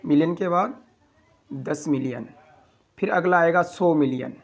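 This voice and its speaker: A man teaching a school maths lesson, walking through place values slowly, step by step. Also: a little high, vocal fry. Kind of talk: classroom explanation.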